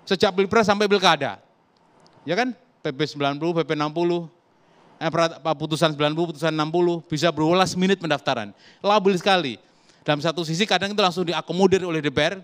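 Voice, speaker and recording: A man's voice: high-pitched, fast. A man arguing emphatically as a guest commentator on a political talk show. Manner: emphatic, lively argumentative.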